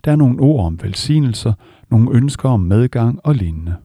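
A man giving a calm, measured meditation talk, telling stories and repeating words for emphasis. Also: mid-range voice, husky, no echo, clean studio sound. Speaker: meditation teacher. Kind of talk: dharma talk with storytelling.

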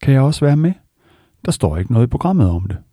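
A man voicing a very old, poor village woman in a spoken teaching story, her lines set a little higher than his narration. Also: sing-song, warm tone, husky, no echo, clean studio sound. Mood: pleading.

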